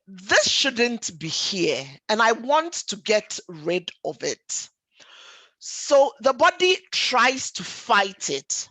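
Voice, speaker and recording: Presenting a health webinar, a woman doctor from Ghana or the Caribbean explains things for lay listeners in an emphatic, teacherly way, going back over key points and posing rhetorical questions. Her voice is fairly high and bright, and the audio is poor, with no room sound.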